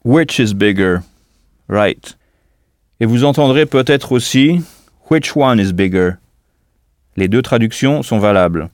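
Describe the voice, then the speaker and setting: A man teaching as a language tutor in a scripted audio lesson, speaking slowly and spelling words out letter by letter. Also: medium pitch, darkish tone, no room sound, studio quality.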